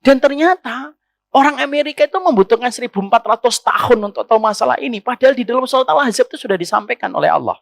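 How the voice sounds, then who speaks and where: A man's voice: very high voice, animated, fast talker, gravelly, dry recording, clean studio sound. A man preaching an Islamic sermon to women, often putting rhetorical questions to his listeners.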